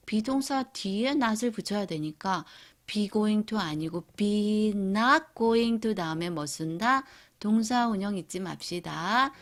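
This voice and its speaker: A woman teaching an online English grammar lesson to middle schoolers. She explains patiently, keeps asking her students questions and draws out each example sentence. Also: mid-range voice. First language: Korean.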